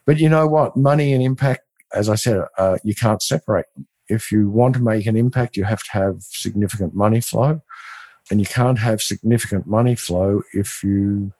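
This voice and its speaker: A man's voice: fairly low pitch, moderate pace, dark tone. A man co-hosting a casual business chat, explaining enthusiastically with stammering restarts. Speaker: co-host.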